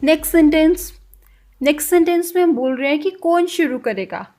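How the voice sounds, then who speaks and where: Language teacher: woman, high pitch, slow careful repeats of example lines. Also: lively intonation, warm tone. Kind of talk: spoken language lesson.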